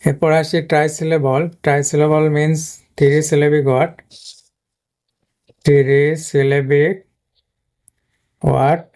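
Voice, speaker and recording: A man teaching a lesson, speaking slowly and haltingly, repeating words as he points things out. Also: on the high side, warm tone, smooth. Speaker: English teacher. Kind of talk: explaining a lesson.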